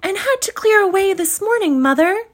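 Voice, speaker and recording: A woman's voice: very high-pitched, lively intonation, moderate pace, voice pushed up. A woman voicing an eager young working girl greeting her mother.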